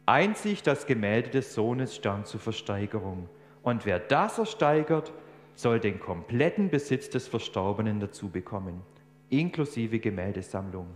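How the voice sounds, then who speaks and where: A preacher acting as a stubborn auctioneer calling bids. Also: male voice, on the low side, very animated, moderate pace. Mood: announcing. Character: stubborn male auctioneer, insistent. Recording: echoey hall, faint hum.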